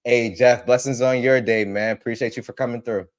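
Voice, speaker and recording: Speaking fairly quickly at a medium pitch with fairly even intonation, the host of a casual tech livestream says hello to viewers by name. He repeats himself and sounds a little congested from allergies.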